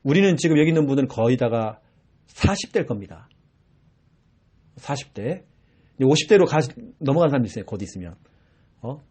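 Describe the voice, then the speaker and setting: A man's voice: mid-range voice, brisk, pauses often, breathy edge. A male pastor in his forties preaching a sermon in a church, telling the story vividly and acting out cries. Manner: animated preaching with acted-out shouts.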